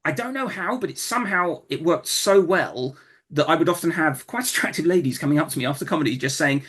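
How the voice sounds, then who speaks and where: A man with a London accent, a comedian telling stories in a casual interview, relaxed with many fillers and restarts. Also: fairly high pitch, a little fast, husky. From England. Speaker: comedian guest.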